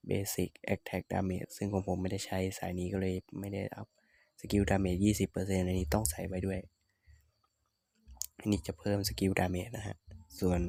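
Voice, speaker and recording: A man's voice: sits low, gravelly, no room sound. A man from Northeastern Thailand hosting a gaming channel, talking through game stats in a casual, thinking-aloud tutorial voice-over. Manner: relaxed, explanatory, thinking aloud with hums.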